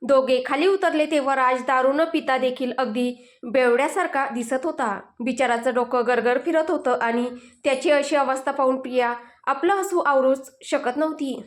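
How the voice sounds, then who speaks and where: High-voiced woman narrating a story. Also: normal speed.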